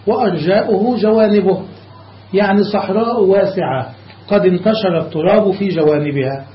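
A man teaching a classical grammar lesson, explaining each rule step by step, checking that his students follow, and slowing down on examples. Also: high-pitched. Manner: slows down on examples. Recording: echoey lo-fi room recording.

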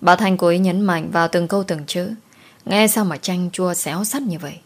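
A woman narrating a folk story in an expressive, folksy storytelling manner. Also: on the low side, moderate pace.

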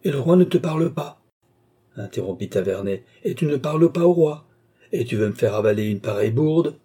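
A man's voice: medium pitch, lively intonation, fairly quick, warm tone, slightly rough. A man voicing a petulant, anxious old baron who presses a friend with urgent questions. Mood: pressing. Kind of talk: audiobook character reading.

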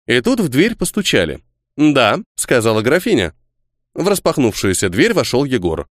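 Man, audiobook narration, steady storytelling, lively pitch, dry sound. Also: moderate pace, no room sound. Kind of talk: scripted narration.

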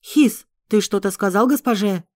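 A man's voice: high-pitched, moderate pace, dry recording, clean studio sound, lightly acted. Woman putting on a hissing skinny elf. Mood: nervous. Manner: hissing, anxious whisper. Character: skinny nervous male elf schemer.

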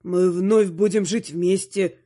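Brief: woman voicing a placid, oblivious elf husband in a storybook reading, slow and lowered. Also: fairly even intonation, mellow. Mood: soothing. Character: calm, doting immortal elf husband, oblivious. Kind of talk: audiobook character voice.

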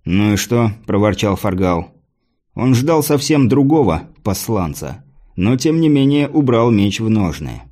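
Male audiobook narrator, measured fantasy reading, fairly low and dark-toned. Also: very animated.

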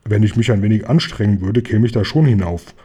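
A man voicing a lazy, boastful male lion who grumbles in a mellow, husky voice. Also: fairly low pitch, brisk. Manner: grumbling, growly.

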